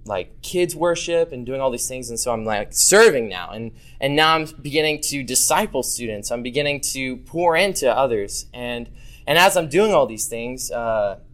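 A young man tells his faith story in an easygoing, conversational voice of middle pitch. He stops often for "uh" and "like", and acts out the voices of the people in his story as he goes. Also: expressive, normal speed, fairly bright tone. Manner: casual, many fillers, acts out childhood dialogue. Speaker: youth ministry volunteer. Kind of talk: personal testimony storytelling.

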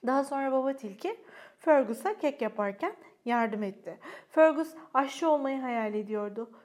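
A woman storyteller reading a bedtime story aloud to children in a warm, sing-song way. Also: high-pitched, expressive, normal speed.

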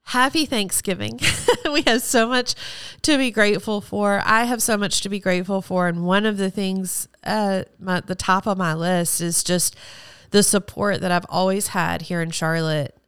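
A woman's voice: medium pitch, steady tone, moderate pace, fairly bright tone, smooth, no echo, studio quality. A woman hosting her own podcast, talking alone in an effusive, rambling and emotional way. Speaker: podcast host; former teacher. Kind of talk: solo podcast monologue.

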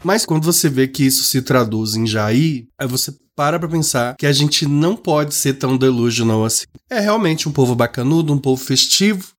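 A man's voice: medium pitch, moderate pace, hardly any pauses. A Brazilian man co-hosting a podcast in casual chat, wry and dramatic as he tells stories. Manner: wry, dramatic storyteller, playful. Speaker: podcast co-host.

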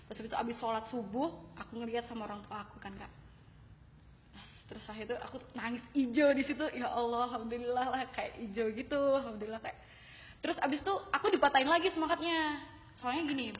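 A young woman, a university student, telling her story casually in an interview, with lively acted quotes. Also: a little high, quick pace. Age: young adult. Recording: dull sound with long reverb and faint noise.

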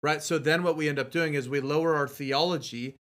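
A man's voice: fairly high pitch, steady tone, a little fast, a bit bright. A man, a guest on a faith talk show, speaking earnestly and encouragingly, often ending with "right?". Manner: earnest, encouraging, fond of tag questions.

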